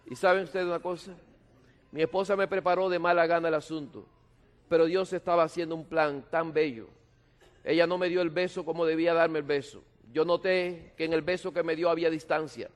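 A man's voice: on the high side, fairly even intonation, brisk. A middle-aged man preaching a sermon, telling stories with humor and emphasis. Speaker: pastor. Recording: long reverb in a hall.

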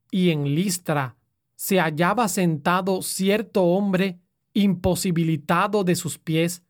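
A woman reads scripture aloud at a very slow, deliberate pace. Her voice sits somewhat low, and the reading is solemn and measured. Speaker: scripture reader.

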